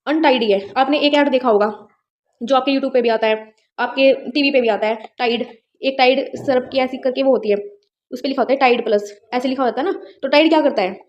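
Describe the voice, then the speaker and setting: This high-voiced woman speaks briskly, with a slightly mellow sound, as she teaches exam-prep vocabulary, explaining words with memory tricks and regularly checking that students follow along. The audio is dull and lo-fi.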